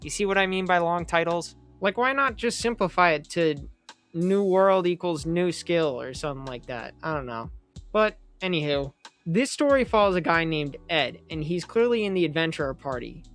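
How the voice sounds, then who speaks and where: A young man talking casually in a review vlog, rambling with animated asides and quick jokes. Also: on the high side. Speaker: manga reviewer. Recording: faint music underneath.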